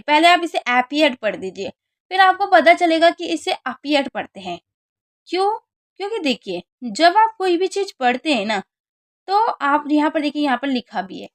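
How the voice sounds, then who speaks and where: High-voiced woman teaching English pronunciation. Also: a bit bright, dry recording, clean studio sound. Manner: explains slowly, asks students questions and answers them herself. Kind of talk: spoken English lesson.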